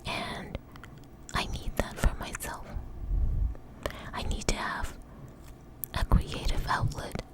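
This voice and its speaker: A woman whispering very close to the mic in an ASMR style, breathy with soft mouth sounds, rambling gently and reassuringly. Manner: slow, unstructured, reassuring. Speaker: ASMR video host.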